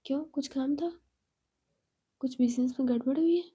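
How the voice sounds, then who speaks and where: A woman's voice: high-pitched, normal speed, warm tone, lightly acted. A woman voicing a protective, worried young woman who speaks in an earnest, pleading way.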